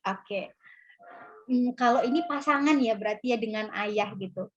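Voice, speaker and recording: A woman's voice: on the high side, normal speed. A young woman psychologist talking casually in a parenting webinar, with many fillers and acted quotes. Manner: acts out mother and child lines. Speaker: psychologist guest speaker. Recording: lo-fi video call audio.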